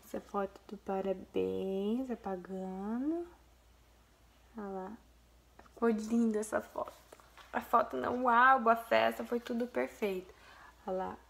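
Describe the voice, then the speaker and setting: A woman's voice: on the high side, a little slow, creaky, long pauses, fairly bright tone. A young Brazilian woman vlogging casually, gushing as she shows viewers a photo album and talks to them directly. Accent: Brazilian Portuguese. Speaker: vlogger, mother.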